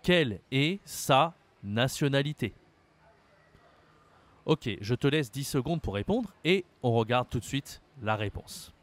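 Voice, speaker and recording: A Frenchman gives a French lesson in a mid-range, expressive voice, going a little slowly. He is patient and careful with articulation, repeating words and spelling each one out letter by letter.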